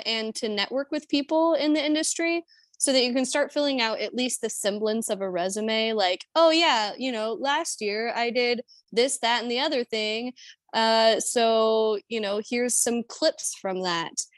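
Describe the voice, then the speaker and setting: Young woman, actor, casual fillers, mid-pitched, dry recording. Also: no room sound. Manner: chatty, many fillers like "um" and "like". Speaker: actor and guest. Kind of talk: casual interview chat.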